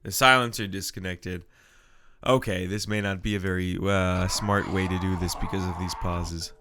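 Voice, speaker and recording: A man's voice: low voice, fairly even intonation, normal speed, bright, forceful tone. A man with a stuffy nose giving casual, rambling live commentary on a video game match. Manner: rambling, chatty asides.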